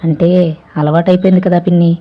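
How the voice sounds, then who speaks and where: A woman's voice: fairly low pitch, level tone, fast talker, close to an everyday voice. A woman voicing a bashful young man of twenty who pleads and coaxes, in a dull lo-fi recording. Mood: sheepish pleading. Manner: coaxing, sheepish.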